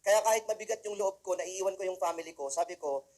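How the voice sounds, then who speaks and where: A man's voice: high voice, quick pace, a little mellow. A man from the Philippines giving a humorous talk to students, telling comic stories and speaking straight to the audience. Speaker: motivational speaker.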